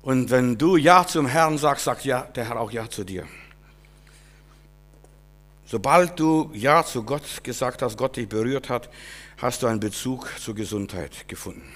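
A middle-aged man preaching a sermon, swinging from loud, high exclamations to quiet, low asides, often repeating and restarting words. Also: measured pace.

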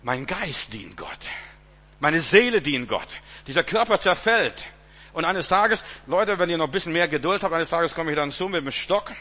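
Emphatic preacher man with a bright voice. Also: on the high side, lively intonation, normal speed. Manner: emphatic, swings between loud and soft. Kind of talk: sermon.

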